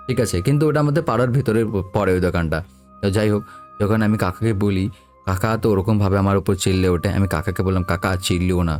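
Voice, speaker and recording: Young male storyteller, low voice, rambling casual first-person narration, faint music behind. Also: a little mellow. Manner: rambling, full of fillers and asides.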